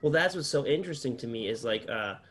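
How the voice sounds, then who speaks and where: A man's voice: medium pitch, animated, quick pace, a little hiss or hum. A man in casual chat who agrees emphatically and laughs easily.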